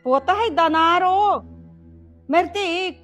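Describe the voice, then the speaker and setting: A woman's voice: very high voice, slow, a bit bright, faint music behind, exaggerated voice. An actress playing an anxious village mother, sighing and pleading as she comforts her crying daughter. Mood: anxious comforting. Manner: wailing sighs, pleading and comforting. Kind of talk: web series acting.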